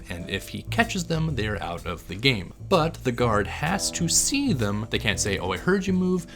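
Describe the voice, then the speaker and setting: A man's voice: fairly low pitch, gravelly. A man hosting an instructional explainer with wry, self-deprecating humour and frequent hesitant uhs. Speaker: host of a theatre tips channel. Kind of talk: instructional explainer, part scripted.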